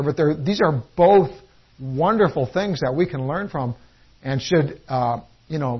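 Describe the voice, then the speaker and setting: A man delivers a sermon in an earnest, teaching way, often doubling back on his words. His voice sits a little high and has a husky edge. The recording sounds dull and lo-fi. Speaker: preacher.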